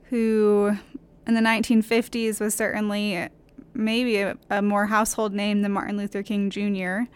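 A woman's voice: mid-range voice, flat delivery, moderate pace, clear, resonant tone. A woman co-hosting a podcast, speaking in a reflective way as she talks and reads. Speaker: podcast co-host. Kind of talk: reflective podcast talk and poem reading.

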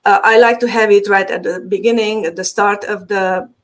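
In a casual interview, a marketing guest from Transylvania with a Hungarian accent talks in a mid-range, steady voice at normal speed. She laughs easily and often uses fillers and restarts.

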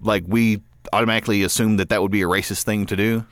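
A laid-back man with a fairly low voice, talking in an easy way and scattering fillers through his sentences. He often agrees along with the other speaker. The sound is dry and close to the mic. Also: level tone, fast, no room sound. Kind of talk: casual chat.

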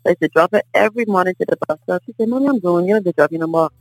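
A middle-aged woman from the Bahamas with a Bahamian accent, a guest in a casual table conversation, telling stories in a lively way and often asking "you understand?". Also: lowish voice, rapid-fire, no room sound, soft background music, poor audio. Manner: animated storyteller, often asks "you understand?".

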